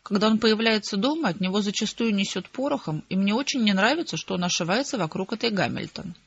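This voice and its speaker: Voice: mid-range voice, animated, quick pace, a bit bright, husky. A reader voicing a fussy middle-aged mother who gossips and is easily scandalized, in a slightly dull audiobook recording. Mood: gossipy.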